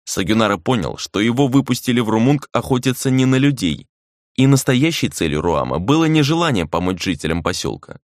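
A man reading a dark fantasy novel aloud as an audiobook narrator, measured and dramatic, slowing down for emphasis. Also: mid-range voice, very animated, dry recording, clean studio sound.

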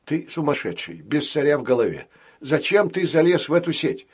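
A man voicing a gentle fretting robot nanny. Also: on the high side, sing-song, moderate pace, breathy edge, voice pushed up. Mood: fretful. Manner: soft, fretful, scolding with care. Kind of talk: audiobook character reading.

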